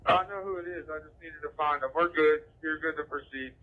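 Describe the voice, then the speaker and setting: A man's voice: fairly high pitch, fairly quick, narrow, tinny audio. A man giving direct, clipped orders as a firefighter in urgent two-way radio traffic.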